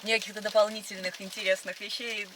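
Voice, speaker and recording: A woman's voice: medium pitch, little pitch movement, quick pace, background noise. A woman in casual date banter, answering in a dry, teasing and firmly polite way. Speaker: date in a prank video.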